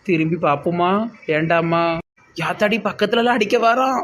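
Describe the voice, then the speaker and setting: A man's voice: sits high, normal speed, a bit bright, a little hiss or hum. A man voicing a nervous, defensive village man in a cartoon, with a Tirunelveli Tamil accent.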